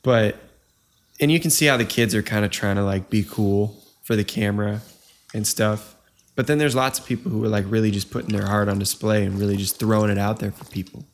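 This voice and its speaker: A man's voice: on the low side, steady tone, fairly quick. A man co-hosting a podcast, talking casually and rambling with lots of "you know" and "like" fillers. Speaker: podcast co-host.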